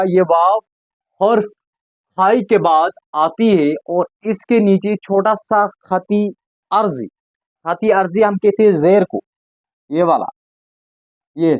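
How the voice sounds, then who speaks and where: A man's voice: high voice, a little mellow, dry recording. A man teaching an exam-prep language lesson, asking questions and answering them himself, with frequent reminders to remember key points. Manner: slow, patient, repeats key points with "yaad rakhiyega". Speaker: Urdu teacher.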